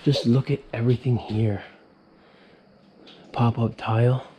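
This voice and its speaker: A man's voice: mid-range voice, flat delivery, unhurried, highs cut off, crowd noise. A man in his thirties, a vlogger giving an easygoing walkthrough of an abandoned house, talking to viewers. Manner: easygoing, talks straight to viewers. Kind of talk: casual walkthrough commentary. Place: empty abandoned house indoors. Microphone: handheld camera mic. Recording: echoey empty rooms, faint noise.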